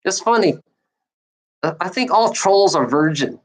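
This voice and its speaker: An animated woman with a fairly low voice takes her time as she speaks. She streams and stutters, and this clip is a meandering rant aimed at chat trolls, marked by repetition, frequent restarts and swearing.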